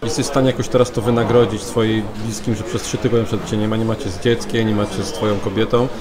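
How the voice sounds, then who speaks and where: Man, interviewer, quick pace, joking tone, crowd noise behind. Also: lowish voice, little pitch movement. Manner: teasing, joking. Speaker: club media interviewer. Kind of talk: casual behind-the-scenes interview.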